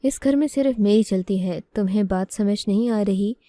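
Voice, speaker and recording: Bossy young sister-in-law in a story, threatening and pushy, dark low tone, dry sound, read by a woman. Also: normal speed, dry recording, lightly acted. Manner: domineering, threatening. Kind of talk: storybook reading.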